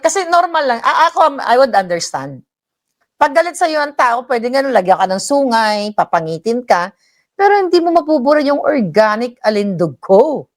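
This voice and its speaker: A woman's voice: on the high side, a bit bright. A woman hosting a live reaction vlog, mocking and taunting her rival, laughing often and reading viewer comments.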